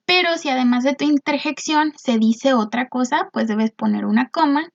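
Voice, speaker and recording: A woman teacher with a high voice walks through a video lesson in a patient, explanatory way. She keeps checking in with her students and fills her pauses with little hesitations. The recording sounds dull and lo-fi. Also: gravelly. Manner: frequent "este" fillers.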